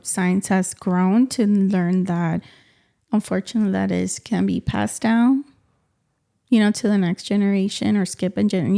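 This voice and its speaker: A woman with a mellow, warm-toned voice talks as a podcast co-host. She speaks in an animated, conversational way at a middle pitch, often checking in with "you know what I mean" and "man". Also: vocal fry, clean tone. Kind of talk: casual chat.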